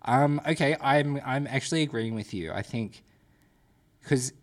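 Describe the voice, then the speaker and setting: A man's voice: medium pitch, measured pace. Laid-back jokey podcast co-host man. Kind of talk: casual podcast chat.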